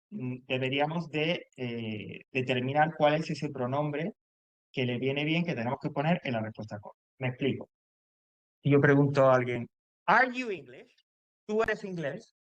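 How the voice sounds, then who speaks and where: A man's voice: on the high side, no echo, highs cut off. A man teaching English grammar to a class, explaining step by step and checking in often.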